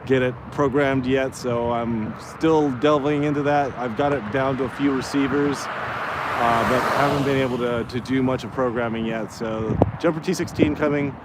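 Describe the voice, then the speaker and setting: A man's voice: medium pitch, fairly even intonation, normal speed. A man giving casual, hesitant live commentary as he flies a model plane outdoors. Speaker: radio-control plane vlogger. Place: outdoors by a road in wind. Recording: noisy windy outdoor recording with vehicle sound. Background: wind and outdoor motor noise.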